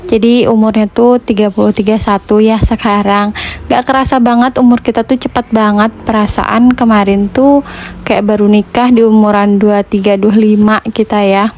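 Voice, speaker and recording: A woman's voice: mid-range voice, flat delivery, moderate pace, a little mellow, a little hiss or hum. A woman in her late twenties, telling a personal story in a chatty, conversational way as a vlogger. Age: late 20s. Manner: chatty, conversational, with frequent fillers. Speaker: vlogger and housewife. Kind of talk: casual storytelling voice-over.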